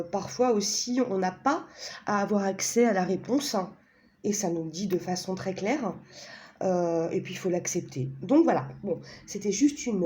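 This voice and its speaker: A woman's voice: medium pitch, dark tone. A woman casually presenting a pendulum and a card deck, talking hesitantly with many fillers and tag questions, chatty and self-mocking.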